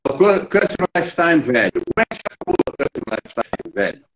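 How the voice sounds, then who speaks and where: A man's voice: fairly high pitch, sing-song, quick pace, highs cut off, faint music behind. Man on a choppy, breaking-up video call. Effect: choppy, breaking-up video call connection. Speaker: guest expert. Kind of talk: explaining on a live video call.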